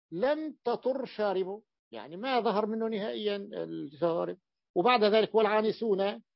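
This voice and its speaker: A man teaching an Arabic grammar lesson, explaining slowly, often repeating and restarting words as he works through a point. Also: high voice, no echo. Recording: dull lo-fi dry recording.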